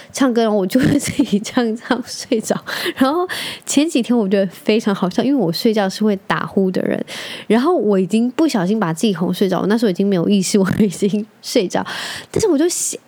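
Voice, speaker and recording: A woman's voice: fairly high pitch, a little mellow. A young woman, a mother, chatting casually as a podcast host and telling stories about her young son with frequent laughter. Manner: chatty storytelling, laughs often. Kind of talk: casual chat.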